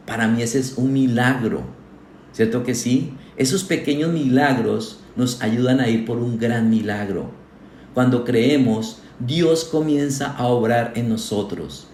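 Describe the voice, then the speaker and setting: A man's voice: medium pitch, a little slow, a little mellow, slight background noise. Man preaching in an echoey hall. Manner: earnest, addresses the congregation with questions. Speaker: pastor. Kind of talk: sermon. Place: church hall.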